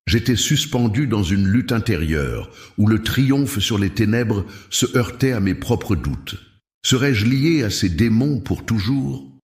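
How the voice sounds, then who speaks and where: A man narrating a dramatic first-person story in a measured, solemn way. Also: on the low side, animated, darkish tone. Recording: roomy echo.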